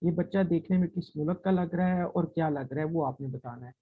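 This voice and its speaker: A woman teaching a recorded language lesson, repeating example words slowly and often checking in with "right?". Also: deep voice, breathy edge. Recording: slightly dull, lo-fi recording.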